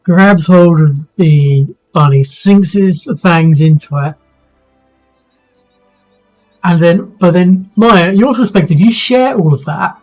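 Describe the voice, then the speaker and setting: A man narrating a tabletop game as game master, his overly loud home mic clipping and distorting. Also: sits high, soft background music. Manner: halting, full of restarts and fillers.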